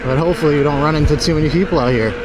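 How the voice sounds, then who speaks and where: A man's voice: on the high side, rapid-fire. A man vlogging casually while riding an electric unicycle on outdoor paths, rambling and swearing loosely, speaking into a helmet-mounted mic. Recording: wind and street noise from riding outdoors.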